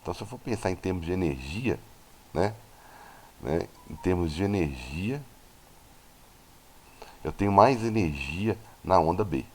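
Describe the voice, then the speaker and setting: A Brazilian man with a very low voice teaches a physics lesson. He goes through each point step by step and stops often to check that his students are following. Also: lively intonation, unhurried, long pauses, darkish tone, slight background noise. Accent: Brazilian Portuguese. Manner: explanatory, many tag questions. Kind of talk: recorded classroom lesson.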